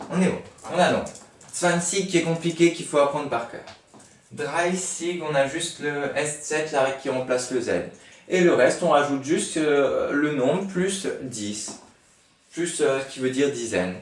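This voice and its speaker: A man teaching a lesson, spelling words out letter by letter and patiently repeating each one as he thinks aloud. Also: medium pitch. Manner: patient, repeats each word several times. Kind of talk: explaining a language lesson to a class. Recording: echoey room, voice far from the mic.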